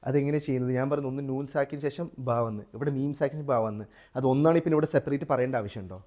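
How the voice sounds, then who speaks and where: A man with a Malayali accent teaching a Quran recitation class, quizzing his students and chanting example verses slowly. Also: mid-range voice, dark tone. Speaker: tajweed teacher. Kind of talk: live class lesson with students.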